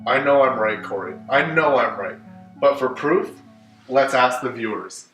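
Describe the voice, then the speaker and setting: A man's voice: medium pitch, a little slow, fairly bright tone. A man in a comedic skit, insistent and emphatic. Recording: roomy, distant, music behind.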